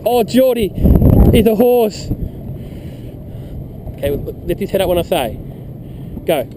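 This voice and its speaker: A man coaching a young child through landing a fish outdoors, encouraging, repeating instructions and whooping with excitement. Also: high voice, a little slow. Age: adult. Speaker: uncle coaching a child fishing. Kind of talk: excited on-the-water fishing coaching. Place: outdoors on the water, fishing boat. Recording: loud wind and water noise outdoors.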